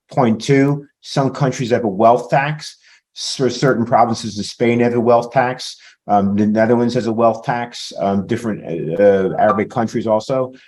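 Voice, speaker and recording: A man's voice: medium pitch, darkish tone. A man on a conference panel answering audience questions, laying out points one by one with frequent fillers. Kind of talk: panel discussion.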